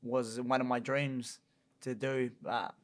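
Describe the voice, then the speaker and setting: A young man with a New Zealand accent, a guest on a casual interview, chatty and quick to laugh as he tells stories. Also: mid-range voice, flat delivery. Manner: chatty, laughs often while telling stories. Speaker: guest boxer.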